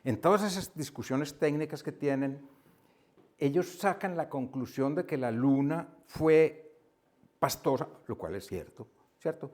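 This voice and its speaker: A man's voice: on the high side, darkish tone. A man retelling a novel at a book club, telling it as a story, laughing often and repeating himself. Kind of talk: casual book discussion. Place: coworking room with a small group.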